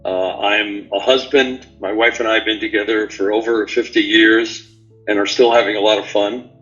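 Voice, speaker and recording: Older man in his seventies, unhurried rambling talk, muffled lo-fi sound, faint music behind. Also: lowish voice, fairly even intonation, fairly bright tone. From New York City. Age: 70s. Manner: unhurried, rambling, with many fillers and restarts. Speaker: guest. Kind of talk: casual interview answers. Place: remote call from a beach house.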